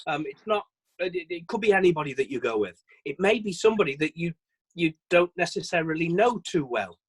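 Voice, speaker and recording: Guy running a sales training over video call, high-ish voice, chatty, keeps restarting sentences. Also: lively intonation, a little fast, slightly rough, poor audio. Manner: chatty, self-deprecating, repeats and restarts phrases. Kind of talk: virtual training session.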